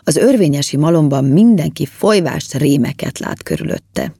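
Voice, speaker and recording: A woman reading a children's storybook aloud in a lively, expressive way. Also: sits low, breathy edge, dry recording, studio quality. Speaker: narrator.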